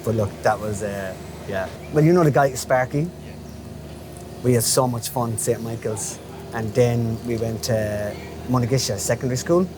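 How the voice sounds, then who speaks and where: A Galway man in his fifties, a local window cleaner, reminisces in an interview in a chatty, colloquial way, often checking in with "you know." His mid-range voice moves at a moderate pace, with music in the background and noisy street sounds and traffic all around.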